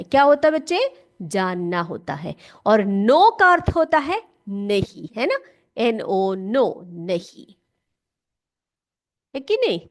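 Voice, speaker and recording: A woman teacher speaks in a high voice at a slow, unhurried pace. She patiently repeats words and keeps asking the class questions. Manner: calls students "beta" warmly. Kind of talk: classroom lesson.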